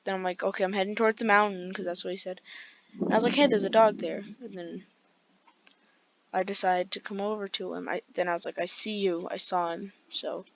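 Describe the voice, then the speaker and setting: A woman's voice: mid-range voice, steady tone, brisk, muffled recording, slight background noise. A woman with a groggy voice, rambling through casual gameplay commentary with lots of fillers. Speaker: gaming video creator.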